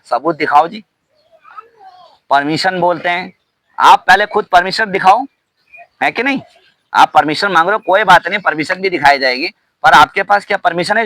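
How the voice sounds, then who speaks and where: A man pastor preaching a sermon, shouting hallelujah often and asking the congregation questions. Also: on the high side, no room sound, poor audio. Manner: preaching with frequent hallelujahs and call-and-response questions.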